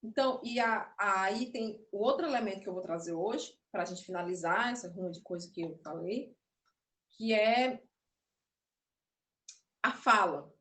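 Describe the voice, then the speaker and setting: A woman's voice: mid-range voice, measured pace, pauses often, a bit bright. A woman teaching a puppetry class online, explaining and demonstrating, a little nervous. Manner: explanatory, demonstrative, self-interrupting. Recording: echoey room, voice from afar.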